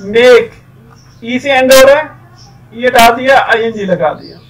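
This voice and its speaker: A man teaching an English grammar lesson, explaining rules with many fillers and reading example sentences slowly. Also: very high-pitched, far from the mic, low-quality recording.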